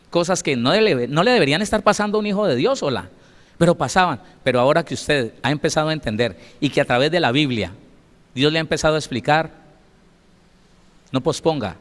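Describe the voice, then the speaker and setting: A man's voice: on the high side, fairly bright tone. A male pastor teaching a Bible study, telling stories with emphasis and addressing listeners directly. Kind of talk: sermon-style Bible study. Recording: long hall reverb.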